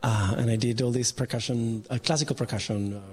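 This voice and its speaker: A man from Colombia, a percussionist guest speaking in a relaxed, enthusiastic way in an interview. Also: medium pitch, brisk. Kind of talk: casual interview talk.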